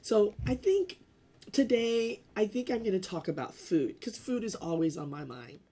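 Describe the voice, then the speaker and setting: A woman's voice: mid-range voice, lively intonation, moderate pace, warm tone. A woman hosting her own lifestyle show, speaking directly to her viewers in an enthusiastic, emphatic way. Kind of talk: direct-to-camera show intro.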